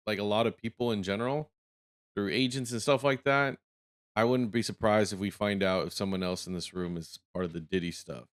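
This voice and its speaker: A man's voice: fairly low pitch, clean tone. A man giving casual reaction commentary with chatty, rambling asides. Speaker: streamer reacting to a video.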